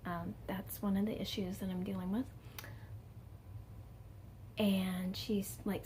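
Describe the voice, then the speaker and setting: Chatty woman in her late twenties, mellow voice. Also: medium pitch, a little hiss or hum. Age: late 20s. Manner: chatty and candid, many fillers, wry self-mockery. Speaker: vlogger. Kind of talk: casual personal vlog talk.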